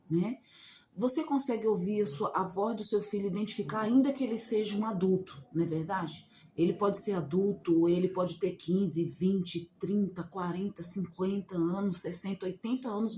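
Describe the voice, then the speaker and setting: A woman's voice: medium pitch, mellow, a little hiss or hum. A woman giving an informal Bible teaching, talking conversationally and asking many rhetorical questions. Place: outdoors in the sun.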